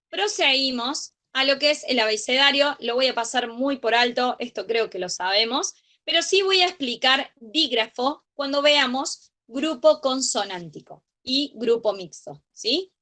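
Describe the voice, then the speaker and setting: A woman's voice: high voice, lively intonation, unhurried, bright, forceful tone. A young woman with a Rioplatense accent teaching an online grammar study group, patient and checking understanding often. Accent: Rioplatense Spanish.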